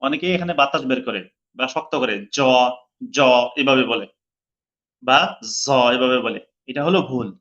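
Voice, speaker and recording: This online lesson features a male Quran recitation teacher with a Bangladeshi Bengali accent, slowly and patiently repeating how each letter sounds and occasionally chanting it drawn out. His mid-range voice is expressive and sharp, and the highs in the recording are cut off.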